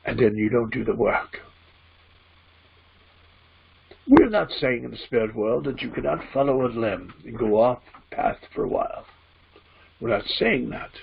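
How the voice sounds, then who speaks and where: A man voicing a spirit guide as a trance medium at a seance, teaching solemnly and deliberately in a gravelly, husky voice. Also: mid-range voice, full character voice. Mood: solemn, admonishing. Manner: seance medium manner, preachy, deliberate, emphatic repeated phrasing. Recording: dull, muffled lo-fi audio.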